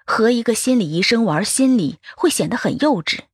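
A woman reading a first-person story aloud as an audiobook narrator, expressive in her telling. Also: a little high, normal speed, husky, dry recording, clean studio sound.

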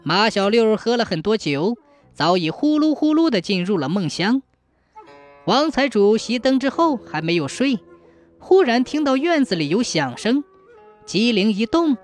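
A storyteller narrating a folk tale in a scripted, expressive manner. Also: medium pitch, a little slow, faint music behind.

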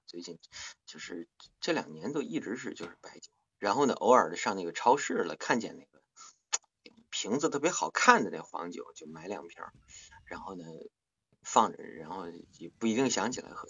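A man's voice: deep voice, fairly bright tone, breathy edge, lo-fi sound. A man hosting a casual livestream chat, explaining things at length with playful asides. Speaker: livestream host and audiobook narrator.

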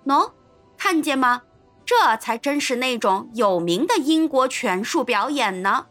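A woman voicing a cheeky, sharp-tongued French manservant who cheers and mocks in a storybook reading. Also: sits high, lively intonation, a little slow, no echo, faint music behind. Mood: teasing.

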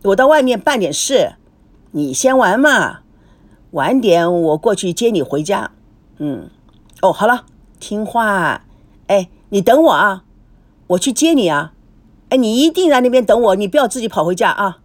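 A woman's voice: mid-range voice, expressive, normal speed, long pauses, no room sound, natural voice. A woman voicing a sleazy, flirtatious middle-aged man who talks in a sticky, wheedling way, in a dry, close recording. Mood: coaxing.

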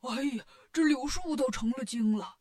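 A woman voicing a lazy, greedy male pig warrior in a storybook tale, whining loudly. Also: a little high, measured pace, lightly acted. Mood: whiny.

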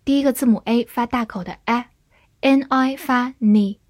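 A woman teaches English words in a slow, deliberate way, spelling each one letter by letter. Her voice sits a little high and sounds dry and close, with no room around it. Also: darkish tone, dry recording. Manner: slow, measured spelling and example reading. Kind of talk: scripted vocabulary lesson.

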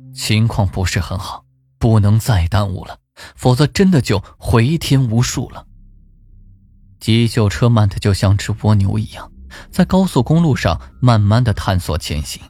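A man narrating a folk ghost story in an expressive, suspenseful way. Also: fairly low pitch, moderate pace, no room sound. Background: faint music.

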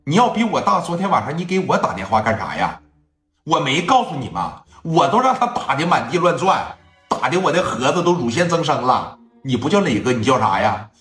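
A man's voice: fairly high pitch, sing-song, fairly quick, fairly bright tone. A man voicing a bossy older woman gang elder who lectures and scolds with indignant boasting. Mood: scolding. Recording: echoey room, faint music.

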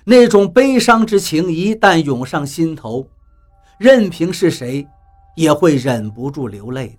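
A man tells a first-person story with a high, animated voice that rises and falls with the drama. His delivery is expressive and theatrical, and faint music plays under the narration. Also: a little slow.

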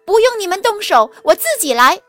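A woman voicing a brave, eager seven-year-old boy who talks quick and childlike in a storybook tale. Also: extremely high pitch, sing-song, a bit bright, faint music behind, voice pushed up, full character voice. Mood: defiant.

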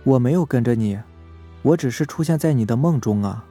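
Mournful ghost girl from the sea, a man doing her, soft plaintive lines, husky dark tone, horror audiobook, faint music underneath. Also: mid-range voice, lively intonation, a little fast. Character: sorrowful young drowned girl ghost. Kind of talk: horror story narration.

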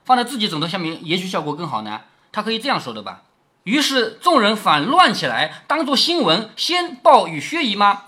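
A man reading a classic novel aloud to his daughter and stopping often to explain it, asking "right?" as he goes. His pitch rises and falls in a lively way, and his voice is bright and forceful. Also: fairly quick. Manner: chatty, explanatory. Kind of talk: storytelling with commentary.

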